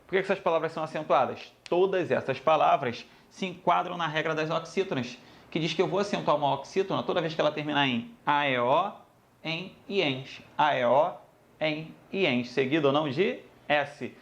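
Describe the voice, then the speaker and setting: Lively man teaching grammar. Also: fairly high pitch, a little fast, creaky, lo-fi sound. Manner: lively, addresses students as "galera", repeats rules. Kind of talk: online grammar lesson.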